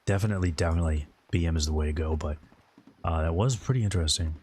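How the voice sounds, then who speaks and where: Rapid-fire and low, with a little mellowness, a man rattles through casual stream talk and viewer chat replies. A bit of hiss or hum sits in the recording.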